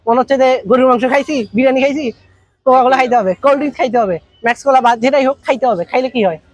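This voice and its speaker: High-voiced fast-talking man teaching. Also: no room sound, dull audio. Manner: colloquial, tells anecdotes with acted dialogue. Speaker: business trainer. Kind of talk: masterclass talk.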